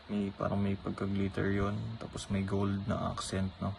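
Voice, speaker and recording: A trading card vlogger casually shows off his cards, chatting and checking in with the viewer, tagging many sentences with "no?". His voice sits low and monotone, at normal speed with a darkish tone. The audio is poor, with clear background noise.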